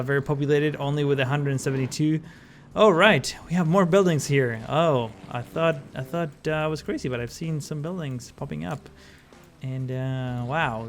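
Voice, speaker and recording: A man narrates his city-building game in a relaxed, rambling way, full of fillers and corrections. His voice sits at an ordinary middle pitch. Soft background music plays faintly behind him. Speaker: gaming channel host. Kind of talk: casual gameplay commentary.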